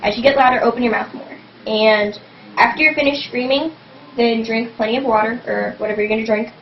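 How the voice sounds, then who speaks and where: A woman's voice: a little high, fairly even intonation, a little fast. A young woman in a casual home tutorial, rambling and saying "like" constantly as she explains vocal technique. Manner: rambling, fills every phrase with "like". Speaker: vlogger teaching scream technique. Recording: dull lo-fi webcam audio, faint hum.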